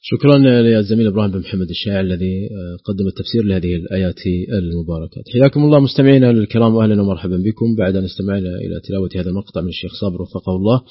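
A man's voice: sits low, fairly even intonation, rapid-fire, few pauses, slightly rough, no echo. A man hosting a live radio call-in programme, announcing formally as he introduces segments and callers. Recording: dry, dull lo-fi radio broadcast.

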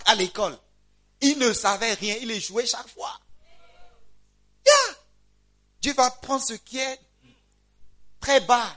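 A man preaching a sermon as pastor, calling out to his congregation and swinging between loud emphatic cries and quiet asides in a church. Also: high-pitched. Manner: calls out to the congregation.

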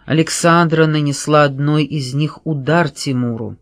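A man reading a sharp-witted male private detective in an audiobook, pressing a suspect with sarcastic questions. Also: on the high side, moderate pace, no room sound, clean studio sound, natural voice.

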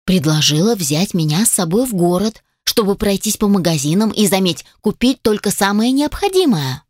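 A woman's voice: mid-range voice, expressive, moderate pace, darkish tone, no echo, studio quality, lightly acted. A woman voicing a feisty young heroine in an audiobook, with a raised, pleading, snappy delivery.

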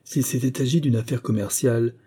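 Guy reading a classic novel aloud, low dark husky voice, measured. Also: steady tone. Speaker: audiobook narrator. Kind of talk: scripted narration.

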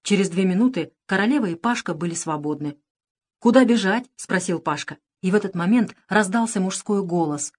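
A woman narrating a children's story in an expressive manner. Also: lowish voice, a little fast, few pauses. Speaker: audiobook narrator.

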